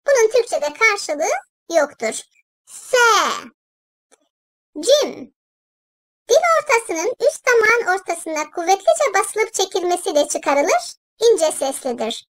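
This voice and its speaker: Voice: extremely high pitch, a bit bright, no room sound. A patient voice teaching Quran letters to children, explaining each letter step by step and speaking to listeners as friends. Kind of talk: slow children's lesson narration.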